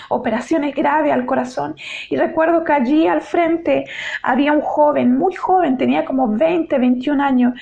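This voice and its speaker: A middle-aged woman, giving a heartfelt personal faith testimony in a halting way with many restarts. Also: high voice, creaky, darkish tone. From Chile.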